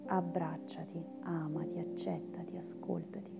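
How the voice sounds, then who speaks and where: A woman guiding a meditation in a soft, soothing, breathy voice that slips into a spa-like whisper. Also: low-pitched, big pitch swings, a little slow. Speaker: meditation guide. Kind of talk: guided meditation. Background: meditation music with singing bowls.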